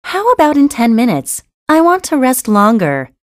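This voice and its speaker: Expressive woman in test dialogues. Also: high voice, normal speed, dry recording. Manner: bright, clearly enunciated conversational reading. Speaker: listening test voice actor. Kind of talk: scripted test dialogue reading. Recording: dry studio recording.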